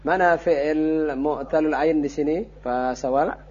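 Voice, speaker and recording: Male teacher, fairly high voice, patient corrector, dull broadcast sound with faint hum. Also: slow pace, a little mellow. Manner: patient, corrects callers with short "naam" affirmations. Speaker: Arabic teacher on a call-in program. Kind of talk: live call-in Arabic lesson.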